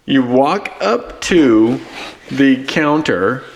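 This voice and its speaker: A man co-hosting a comedy podcast, tossing in deadpan jokes. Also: mid-range voice, very slow, gravelly, dull audio. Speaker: podcast co-host. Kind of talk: casual comedy banter.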